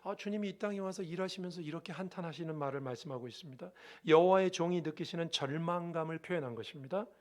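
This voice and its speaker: A man's voice: fairly high pitch, fast talker, few pauses. A male pastor preaching a sermon emphatically, often asking the congregation rhetorical questions.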